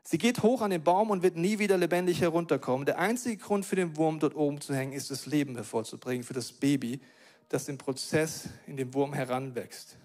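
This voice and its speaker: A male pastor delivering a sermon with a high voice. He preaches in an animated, emphatic way and leans hard into his points. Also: fairly quick.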